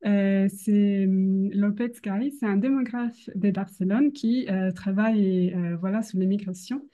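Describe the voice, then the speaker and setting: Hesitant young woman with a foreign accent, mellow voice. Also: medium pitch. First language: not French. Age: young adult. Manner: hesitant non-native French with frequent pauses and searching for words. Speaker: doctoral researcher presenting. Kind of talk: academic presentation.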